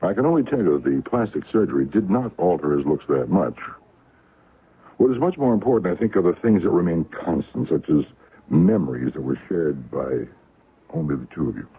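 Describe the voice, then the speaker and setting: A full character voice brings to life the courteous head of a clandestine intelligence outfit, an older man who is smooth, evasive and persuasive, humming and hesitating at a leisurely pace. The actor's voice is low, expressive and a little breathy. It comes from a tinny, lo-fi 1970s radio drama broadcast.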